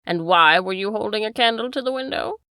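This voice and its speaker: A woman voicing a stern, commanding aristocratic English gentleman who interrogates forcefully. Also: mid-range voice, expressive, a little fast, smooth, no room sound, studio quality.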